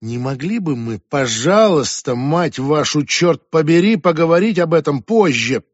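A man's voice: animated, unhurried, dry recording, muffled recording. A man reading an audiobook, voicing an angry teenage girl who swears and snaps at her friends. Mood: furious, exasperated. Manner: shrill, swearing, exasperated.

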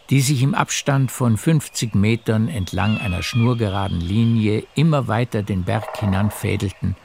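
In a fairly low, gravelly male voice, an actor narrates a literary radio play with the calm, measured precision of a storyteller.

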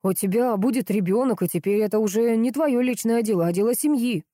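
A woman reading aloud plays a strict older brother, a young man who questions his sister with stern insistence. The tone is mellow and warm, recorded dry and close for an audiobook. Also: medium pitch, animated, moderate pace, no echo, close to an everyday voice. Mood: insistent.

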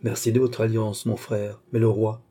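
Man doing a proud young queen, imperious, brisk, dark husky tone, storybook reading. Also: lowish voice, level tone. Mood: lively.

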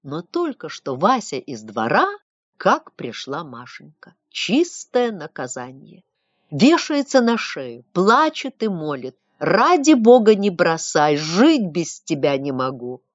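A smug, preachy middle-aged townsman, read aloud by a woman, recounts his story in a lowish voice that swoops widely. The audiobook sound is dull and lo-fi, with a dry, close feel. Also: sing-song, slow pace, dry recording, exaggerated voice. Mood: self-righteous. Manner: sanctimonious, moralizing storyteller. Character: staid middle-aged male townsman telling a tale. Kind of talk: audiobook reading of a classic story.

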